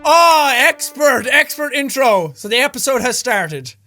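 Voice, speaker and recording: An Irish gaming YouTuber with a very high, bright voice riffs through casual reaction commentary, bursting into loud exclamations and swearing casually. He is very animated, upbeat and punchy at a measured pace, with faint music in the background.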